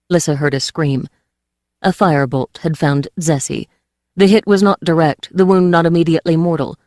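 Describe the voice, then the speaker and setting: Steady, dry audiobook narrator. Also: mid-range voice, dry recording. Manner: steady, measured storytelling.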